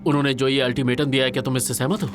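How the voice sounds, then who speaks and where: An actor dubbing an idealistic, frustrated garden manager who argues pressingly. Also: male voice, medium pitch, flat delivery, rapid-fire, close to an everyday voice. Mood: pleading. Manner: pressing, argumentative. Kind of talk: Hindi movie dub. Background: background music.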